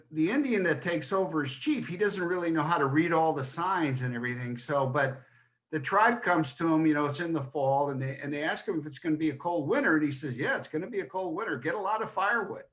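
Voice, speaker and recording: An older man tells jokes to a club meeting in a fairly high voice. He spins them out like a folksy storyteller. When he acts out the punchlines, his voice jumps up sharply. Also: a bit bright. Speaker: club member telling jokes. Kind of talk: joke telling at a club meeting.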